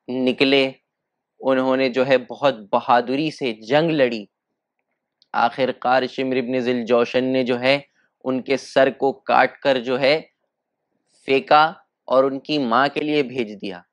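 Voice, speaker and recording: A man's voice: medium pitch, steady tone, takes it slowly, long pauses, no echo, muffled recording. Male preacher, mid voice, impassioned storytelling, dry close sound. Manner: impassioned storytelling, rising to emotional peaks. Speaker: lecturer. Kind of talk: Muharram religious lecture.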